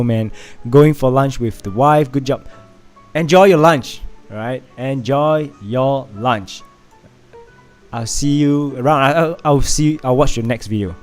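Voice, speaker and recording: Hosting a relaxed live stream, a man from Vietnam chats with his viewers in Singaporean-accented English. His medium-pitched voice is a little mellow, and he frequently laughs, using "uh" and restarts to fill pauses.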